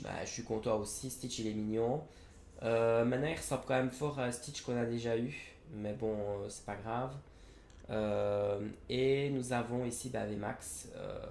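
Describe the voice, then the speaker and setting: A young man talks through new trading cards in a relaxed, halting way, pausing on fillers and correcting himself as he goes. His voice sits at an ordinary pitch for a man. The room around him rings with echo over a faint background hiss. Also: creaky. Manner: hesitant, many fillers and self-corrections. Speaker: card game reviewer. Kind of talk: casual product review.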